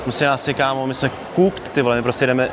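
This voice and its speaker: His voice is mid-range and level, heard over music along with the crowd and bustle of a busy mall. He's a young man with a Czech accent streaming live there, bantering with fans in slangy, upbeat casual talk.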